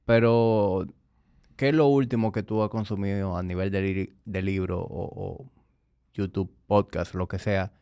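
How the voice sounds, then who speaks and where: A man hosting a podcast, asking casual questions in a halting way with restarts. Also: sits low, fairly even intonation, gravelly, mellow, smooth, dry recording. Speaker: podcast host.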